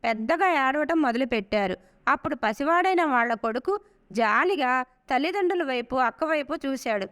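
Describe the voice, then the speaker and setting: A woman narrating an epic tale in a steady storybook reading voice. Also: high-pitched, normal speed. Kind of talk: scripted narration.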